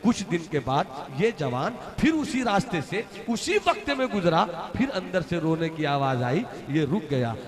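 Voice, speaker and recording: A man's voice: on the high side, very animated, unhurried, hardly any pauses. Impassioned male preacher, echoey hall crowd. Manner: rhythmic, impassioned, building to shouted peaks. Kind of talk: devotional sermon storytelling.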